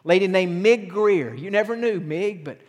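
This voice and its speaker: A pastor from the southern United States preaches a sermon in a high, slightly mellow voice with lively intonation and a moderate pace. He is earnest, repeating phrases for emphasis, and the recording carries long hall reverb.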